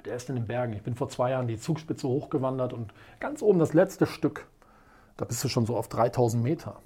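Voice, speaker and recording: Motivational coach, emphatic, repeats questions, dramatic storyteller, husky, warm tone. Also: medium pitch, fairly quick. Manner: tells stories in a lively, dramatic way. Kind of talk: motivational video lesson at a whiteboard.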